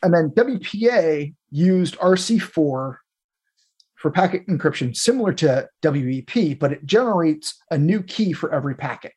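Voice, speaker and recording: Husky, higher-pitched man explaining tech. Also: lively intonation, moderate pace, darkish tone. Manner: explanatory, informal, thinks aloud. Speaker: podcast host explaining technical topics. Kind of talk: conversational technical explanation.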